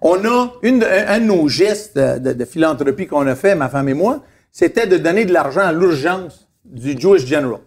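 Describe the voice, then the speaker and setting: A man's voice: a little high, animated, moderate pace, darkish tone. A man, telling stories emphatically in a casual chat and asking rhetorical questions. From Montreal, Quebec. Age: 50s.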